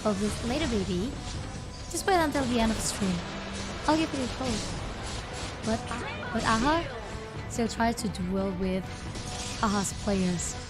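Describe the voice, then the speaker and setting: A woman with an Indonesian accent commentates a game live as an esports caster, chatting playfully and informally with viewers and often repeating her phrases. Her fairly high voice is unhurried, with long pauses, and music plays in the background.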